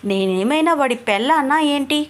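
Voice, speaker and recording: A woman's voice: high-pitched, steady tone, moderate pace, pitched above the performer's own voice, natural voice. A woman voicing a timid, plaintive young heroine. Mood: indignant. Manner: plaintive, complaining to herself.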